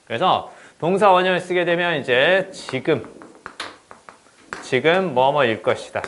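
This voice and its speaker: A man teaching an exam-prep English grammar lesson, often checking in with the class and reading English examples slowly. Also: a little high, slight background noise. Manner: lively, repeats "그쵸?" to check understanding.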